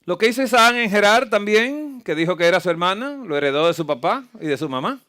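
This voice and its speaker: Fast and sharp-toned, this man's high voice carries lively intonation as he preaches at a church camp meeting. The preacher and health lecturer mixes scripture with medical slides, frequently firing rhetorical questions at the congregation.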